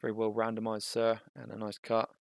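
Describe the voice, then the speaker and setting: Gravelly man commentating a card match. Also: fairly low pitch, a little fast, no room sound, clean studio sound. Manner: casual, thinking aloud, bursts of excitement.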